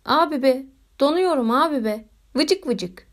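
A woman's voice: high-pitched, very fast, lightly acted. A woman voicing a sleepy little boy who whines and pleads that he is freezing. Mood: whining. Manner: whiny, pleading.

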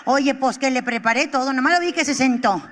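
A young adult woman with a Mexican accent doing stand-up comedy, telling a story and acting out both sides with loud exclamations. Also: sits high, a little fast. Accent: Mexican Spanish. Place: stage before a live audience.

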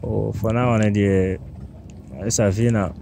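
A man with a Ghanaian accent, giving halting short replies to a street interviewer. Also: fairly low pitch, fairly even intonation, creaky. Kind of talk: casual answers. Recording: loud outdoor noise.

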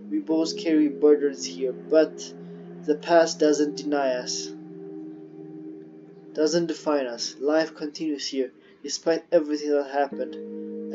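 A man reading aloud the lines of a woman scientist exploring an alien ocean, slow and earnest, with halting restarts. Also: a little high. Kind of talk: reading game dialogue aloud. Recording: dull lo-fi audio with game music.

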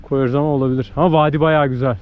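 A man's voice: mid-range voice, steady tone, very fast, lo-fi sound. A man chatting casually and jokily to his companion as he hosts an outdoor hiking vlog. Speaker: vlogger filming a hike. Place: outdoors on an Alpine hiking trail. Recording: noisy outdoor recording with ambience.

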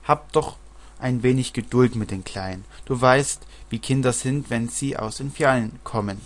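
A man reading the lines of a gentle mother coaxing her husband and child. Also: mid-range voice, moderate pace, close to an everyday voice. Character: soothing patient mother.

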